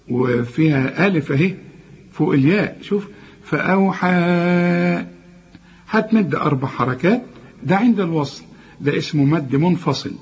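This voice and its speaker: A man with an Egyptian accent leads a Quran recitation lesson. He repeats and corrects words, stretching them out slowly. His voice is very husky and sits a little high, on a muffled lo-fi recording. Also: darkish tone. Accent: Egyptian Arabic. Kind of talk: tajweed lesson with recited examples.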